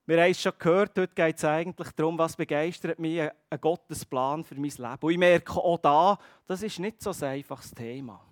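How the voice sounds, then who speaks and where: A man's voice: on the high side, dry recording. Man, preacher, sermon, earnest, direct address, dry sound. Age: adult with a child. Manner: earnest, addresses the congregation directly, slows down on key phrases.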